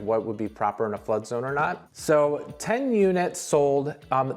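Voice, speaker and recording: A man presents a property countdown like an informal online host. His voice sits at an average male pitch, and he tends to repeat key phrases as he moves through the ranking. Soft music plays underneath. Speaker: real estate video host. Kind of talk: top ten countdown presentation of neighborhoods.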